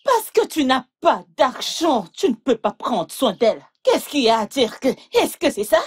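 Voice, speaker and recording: A woman's voice: high-pitched, big pitch swings, moderate pace, breathy edge, heavily acted. A scornful, domineering mother. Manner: mocking and scolding, then hushed and coaxing. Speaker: mother of the bride. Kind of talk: French film dub.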